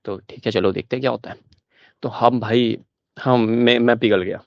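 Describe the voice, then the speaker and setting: A young man doing stand-up comedy, telling a school story in an animated way and laughing along with it. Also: medium pitch, normal speed, dry recording, dull audio.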